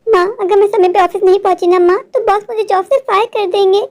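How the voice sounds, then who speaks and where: In this storybook drama, a woman plays a stubborn young office worker who pleads and frets, close to tears. Her voice sits very high. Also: steady tone, quick pace, a little mellow. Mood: panicked. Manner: pleading and anxious, often near tears. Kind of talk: storybook voice acting.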